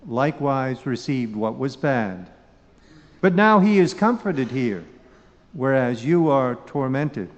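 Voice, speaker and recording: A man solemnly reading the Gospel aloud at Mass, with measured, deliberate delivery and a cathedral echo. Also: fairly high pitch. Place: large church. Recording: long church reverb, dull lo-fi sound.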